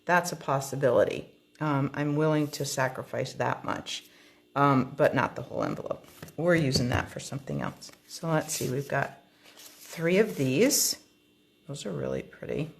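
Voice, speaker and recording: A woman's voice: rumbling low, very animated, normal speed, creaky, a little hiss or hum. A woman hosting a card-making tutorial, chatting casually through an unboxing and thinking aloud with frequent ums.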